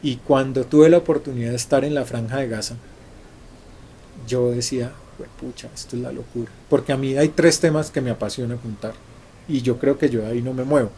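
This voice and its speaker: A middle-aged man with a Colombian Spanish accent, speaking as an interview guest about his work on the road. His voice is mellow and relaxed, and he repeats and restarts words as he talks. Faint background noise sits under the recording. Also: mid-range voice, fairly quick. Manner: restarts and repeats words while telling travel stories. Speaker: journalist guest. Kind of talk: conversational storytelling interview.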